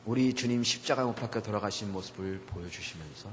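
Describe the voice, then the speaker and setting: A man's voice: lowish voice, fast talker, slight background noise. A middle-aged male pastor preaching a sermon in a church, telling a personal story with impassioned feeling. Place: church sanctuary. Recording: long church reverb.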